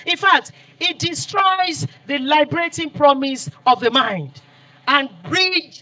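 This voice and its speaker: Bright high-pitched Nigerian man lecturing. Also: low-quality recording. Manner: emphatic oratory with repeated phrases. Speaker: guest lecturer. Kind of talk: formal public lecture.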